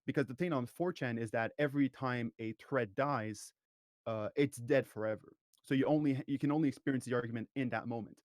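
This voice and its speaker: A man's voice: medium pitch, fairly quick, darkish tone, dry recording, clean studio sound. A man guest on a podcast, talking thoughtfully and at length, often restarting his sentences. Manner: long-winded, thoughtful, frequent restarts. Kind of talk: casual podcast conversation.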